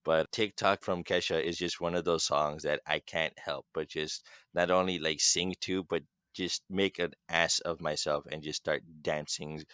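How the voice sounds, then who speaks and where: A young man with a deep, resonant morning voice, chatting as a podcast guest, animated and quick to laugh. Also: smooth, dry recording. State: just-woken morning voice. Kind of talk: casual podcast chat. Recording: slightly dull dry recording.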